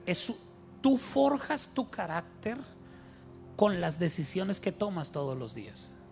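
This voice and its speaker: A man's voice: high-pitched, sing-song, measured pace, vocal fry, a little mellow, soft background music. A man preaching a sermon as pastor, telling stories and asking his congregation rhetorical questions.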